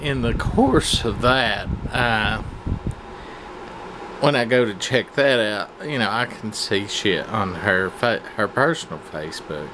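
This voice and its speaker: A loud fan whirs over a man's lowish voice as he rambles casually to his viewers. He talks in a frank, coarse, hesitant way and takes his time between phrases. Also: slow, noisy background. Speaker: vlogger. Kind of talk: rambling casual vlog chat. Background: whirring fan.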